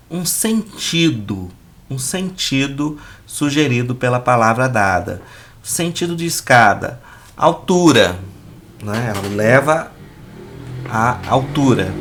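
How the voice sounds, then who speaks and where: Slow, patient Brazilian teacher man. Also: mid-range voice, a bit bright. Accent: Brazilian Portuguese. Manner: patient, checks in often with "ok?" and "né?". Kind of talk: explaining a school worksheet.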